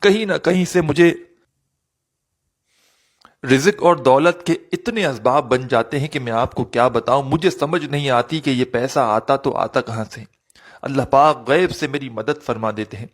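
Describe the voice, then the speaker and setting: A man's voice: mid-range voice, moderate pace. Earnest man giving a devotional talk. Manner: earnest, repetitive, directly addressing viewers; prayerful pleading in supplication. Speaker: religious video host.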